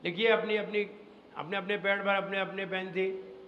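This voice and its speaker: A Jain monk teaching Sanskrit recitation in a classroom lesson. He speaks slowly, repeats each rule several times and quizzes his listeners, with chanted verses in between. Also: high-pitched, little pitch movement, slight background noise. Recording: dull, echoey hall recording.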